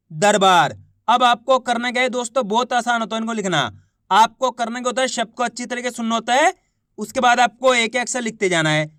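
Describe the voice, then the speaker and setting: A man's voice: very high-pitched, a bit bright, no room sound, clean studio sound. A man teaching beginners to read, sounding out words syllable by syllable and asking the viewer questions. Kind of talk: reading lesson for beginners.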